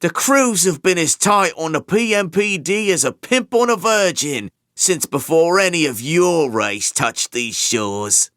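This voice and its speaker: A scornful gang henchman who mocks his captives, acted by a man reading an audiobook. His voice is raised well above normal pitch and swings widely. The sound is dry and close. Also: animated, a little slow, few pauses, a bit bright, no echo. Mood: sneering. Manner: scornful, mocking. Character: sneering male gang crony.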